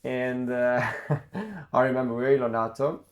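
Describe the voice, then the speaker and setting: Young adult male, ex-racer vlogging; casual, animated storytelling with frequent self-corrections. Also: medium pitch, moderate pace. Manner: lively anecdote-telling, acts out quoted dialogue. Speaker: former racing driver and karting coach.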